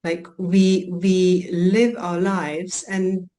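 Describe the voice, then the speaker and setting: Woman from germany, fairly low voice, thinks aloud with lots of ums, podcast guest. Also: level tone, extremely slow, warm tone. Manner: reflective, many ums and restarts. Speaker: coach and healer guest. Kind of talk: podcast interview.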